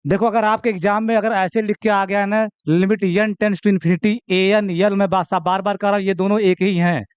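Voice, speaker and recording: Young guy teaching maths, high clear voice, teases the class a lot, dry sound. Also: steady tone, moderate pace, no echo, muffled recording. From India. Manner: chatty, teasing, keeps saying "okay". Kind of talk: classroom lecture.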